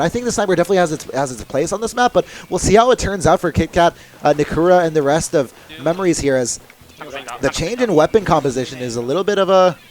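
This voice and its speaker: Brief: young male esports caster, excitable fast live commentary. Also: on the high side. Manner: fast excitable play-by-play with laughs.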